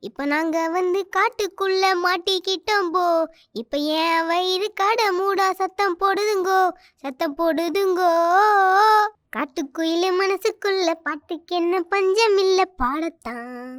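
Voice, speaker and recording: A woman's voice: very high-pitched, steady tone, measured pace, a bit bright, no echo, clean studio sound. A woman voicing a scared, hungry little girl doll who whines and pleads with her older sisters in a children's doll story. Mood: sulky. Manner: pleading, whining, breaks into song.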